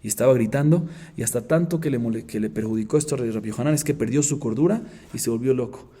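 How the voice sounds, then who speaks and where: A man teaching a Talmud class as a rabbi, telling the story with lively repetition and questions to his students. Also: mid-range voice, quick pace, breathy edge. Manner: animated storyteller, asks students rhetorical questions; repeats phrases for emphasis. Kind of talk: Talmud class, reading Aramaic and explaining.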